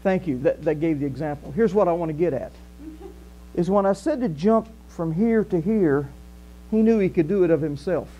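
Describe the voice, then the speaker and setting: With a slightly high voice and a moderate pace, an older man with a Southern US accent gives a conversational sermon in a small church hall, walking the stage and gesturing animatedly. The recording is muffled, with a faint mains hum.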